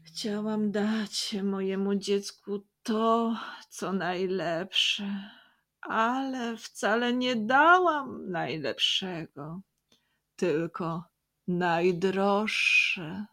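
A woman voicing a sad mother speaking slowly and ruefully. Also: medium pitch, fairly bright tone. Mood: regretful.

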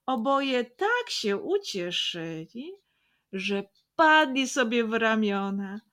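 A woman narrating a children's story in a lively, expressive way. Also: a little high, slow pace.

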